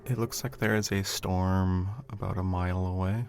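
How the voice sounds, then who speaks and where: A man's voice: low voice, steady tone, moderate pace, darkish tone, slight background noise. A man acting as game master, improvising narration for a tabletop game. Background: background music.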